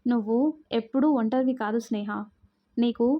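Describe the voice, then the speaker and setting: A woman doing a gentle, protective big brother. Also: on the high side, fairly even intonation, moderate pace, natural voice. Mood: reassuring. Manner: gentle, reassuring. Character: caring protective elder brother. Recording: muffled lo-fi audio.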